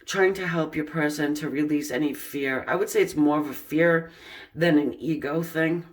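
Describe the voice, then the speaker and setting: A woman's voice: deep voice, normal speed. A woman giving a pick-a-card tarot reading in a chatty way, with many fillers and laughing at the cards. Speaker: tarot reader.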